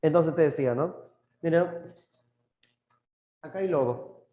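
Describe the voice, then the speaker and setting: A young man with a Peruvian Spanish accent teaches a live geography class, answering chat with teasing jokes. His voice is slightly high yet dark and mellow. The sound is roomy and dull, like lo-fi stream audio. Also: a little slow. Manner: jokey, laughs often, talks back to chat. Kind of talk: live online class reading chat questions.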